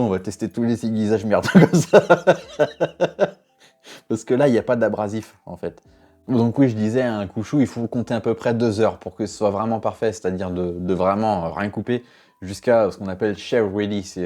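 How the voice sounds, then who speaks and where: A man's voice: lowish voice, dark tone. A knife sharpener giving casual reaction commentary, a man who talks bluntly, swears, laughs often and sounds exasperated.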